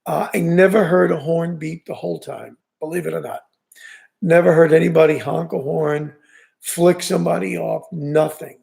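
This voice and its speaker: A man's voice: on the high side, steady tone, normal speed, gravelly, a little mellow. A man with a New York accent, hosting a fishing show and chatting enthusiastically in a rambling way, with many restarts. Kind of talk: casual chat.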